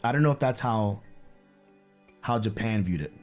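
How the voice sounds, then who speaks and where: A man co-hosting a couple's reaction video, chatting casually and thinking out loud with many restarts. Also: on the low side, normal speed, soft background music. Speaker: co-host of a couple reaction channel. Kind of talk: casual chat.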